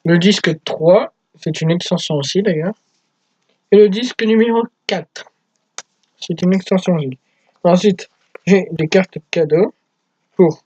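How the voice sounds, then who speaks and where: A man's voice: sits high, a little mellow, husky, no room sound, highs cut off. A young man in his teens hosting a casual unboxing vlog for his gaming channel, chatty and self-mocking. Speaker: gaming YouTuber.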